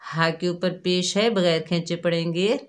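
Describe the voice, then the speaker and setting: A woman's voice: fairly low pitch, steady tone, measured pace. A woman teaching Quran recitation, patiently spelling out each syllable and repeating it. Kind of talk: slow step-by-step recitation lesson.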